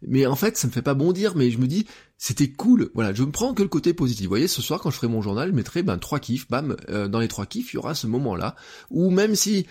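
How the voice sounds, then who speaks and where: A man's voice: mid-range voice, very animated, fast talker, darkish tone, breathy edge. A man in his thirties hosting a solo podcast, talking to listeners in a loose, conversational way with many fillers. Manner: conversational, full of fillers, addresses listeners directly. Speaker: podcast host. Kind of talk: casual solo podcast monologue.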